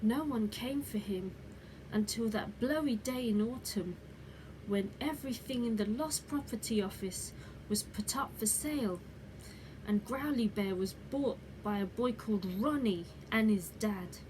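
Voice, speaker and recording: Female storyteller for a fairy tale opening: measured, slow children's read-aloud, clear background noise. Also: on the high side, darkish tone. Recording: clearly noisy background ambience.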